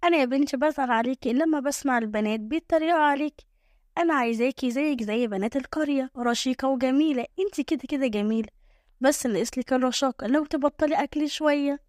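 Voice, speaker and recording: A woman's voice: high-pitched, fast, a little mellow, no room sound, studio quality, close to an everyday voice. A woman voicing a worried middle-aged village mother with an Egyptian accent who pleads and scolds. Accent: Egyptian Arabic.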